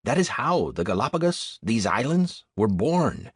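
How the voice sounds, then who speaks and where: A man voicing a cheerful Ecuadorian tour guide in his thirties with a Spanish accent, explaining things carefully and pausing over hard words. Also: medium pitch, big pitch swings, husky, dry recording, clean studio sound.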